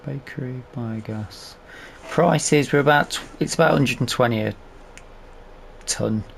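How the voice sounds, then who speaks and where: Playing a farming game, this British man offers casual, off-the-cuff let's play commentary as a gaming video host, voicing his thoughts as he goes. He speaks a bit slowly in a gravelly, medium-pitched voice, with game vehicle and ambience sounds and a little background noise.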